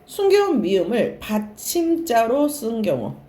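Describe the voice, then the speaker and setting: A woman's voice: on the high side, wildly swooping pitch, unhurried, dark tone, slight background noise. A woman teaching a classroom lecture, asking questions and answering them herself, and repeating and stretching key words. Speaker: Korean language teacher.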